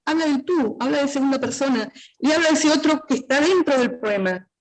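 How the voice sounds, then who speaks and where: A woman with a Rioplatense Spanish accent giving a thoughtful, earnest talk at a book presentation, often pausing on "eh" fillers. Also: sits high, expressive, rough recording. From Río de la Plata region. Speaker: prologue writer speaking at a book presentation.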